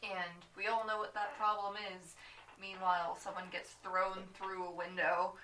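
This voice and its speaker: A woman's voice: mid-range voice, level tone, normal speed, sharp tone. A woman co-hosting a casual podcast, chatty and laughing as she recaps a comic book. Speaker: podcast co-host. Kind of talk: casual chat. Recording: distant mic with faint noise.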